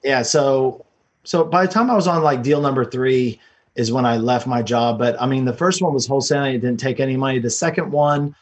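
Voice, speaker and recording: A man's voice: medium pitch, brisk. A man speaking as an interview guest, telling his own story in a casual, unpolished, loosely rambling way. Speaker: podcast guest, real estate investor.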